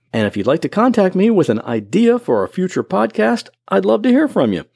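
A man's voice: on the high side, vocal fry, darkish tone, no room sound, clean studio sound. A man hosting his own computer help podcast, explaining things patiently step by step in plain words. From Florida. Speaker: podcast host and computer tutor. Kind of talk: solo instructional podcast.

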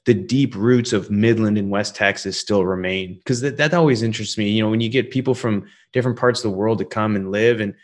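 A man's voice: lowish voice, fairly quick, hardly any pauses. A man hosting an interview, rambling through his questions with many fillers. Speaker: interview host. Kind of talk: casual interview.

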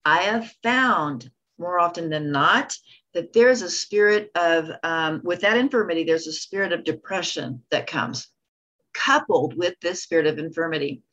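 A woman's voice: fairly low pitch, normal speed, fairly bright tone, highs cut off. A woman co-host speaking in an earnest, affirming way about faith. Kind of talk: conversational ministry talk.

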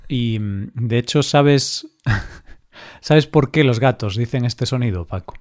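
A man from co-hosts a relaxed podcast chat for learners. He talks slowly and clearly in a playful tone and laughs easily. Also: mid-range voice. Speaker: podcast co-host. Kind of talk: casual chat for language learners.

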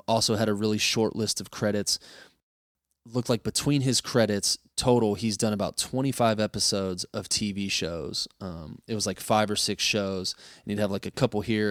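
A man hosting a casual podcast chat, animated and quick to laugh. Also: lowish voice, no echo, studio quality. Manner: animated, breaks into quick character impressions and laughs. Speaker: podcast host.

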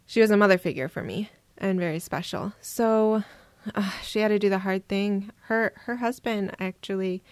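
A woman from Minnesota, a guest on an interview podcast, telling her personal story in a reflective, soft-spoken way. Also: mid-range voice, normal speed, hardly any pauses, clean tone, no room sound. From Minnesota, USA. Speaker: guest adoptee.

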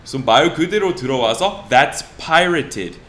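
A man teaching English phrases in a casual bilingual lesson, modeling each phrase slowly and carefully. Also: a little high, lively intonation, a bit bright.

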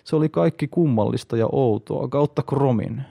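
A man doing a dazed wounded barbarian. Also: mellow. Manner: dazed, low and breathy.

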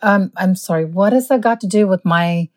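Emphatic and indignant, a physician guest shares stories from work in a casual chat. Her voice is darkish with a medium pitch and normal speed, and she was born in India and raised in the US.

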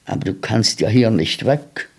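A man voicing a kindly, curious older man in a storybook reading, gentle and coaxing with many questions. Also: on the low side, expressive, moderate pace, gravelly, slightly rough, full character voice.

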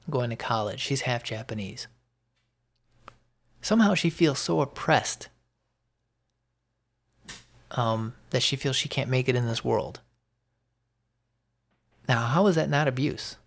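This podcast host, an American man, delivers an off-the-cuff opinion monologue at medium pitch with noticeable vocal fry. He talks emphatically but haltingly, repeating phrases for effect.

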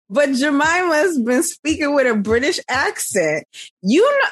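A woman's voice: sits high, husky, no echo. A woman with a Brooklyn accent, chatting casually and emphatically about pop culture, often checking in with "you know". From Brooklyn, New York, USA. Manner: emphatic, sweary storytelling with frequent "you know".

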